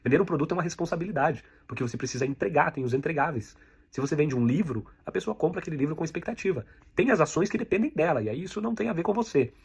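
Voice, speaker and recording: A sales instructor with a Brazilian Portuguese accent teaches an online sales lesson, talking straight to the viewer as "you" and repeating key points so they can be written down. His voice is fairly high, expressive and very fast, gravelly, husky, and darkish in tone.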